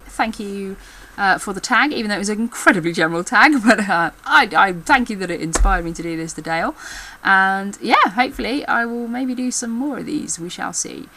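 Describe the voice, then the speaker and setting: A woman's voice: medium pitch, expressive, a little fast, sharp tone, slight background noise, low-quality recording. A middle-aged woman with a Midlands accent, chatting casually to camera in a rambling way and laughing often. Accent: English Midlands. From English Midlands. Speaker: vlogger. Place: room at home. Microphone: camera mic.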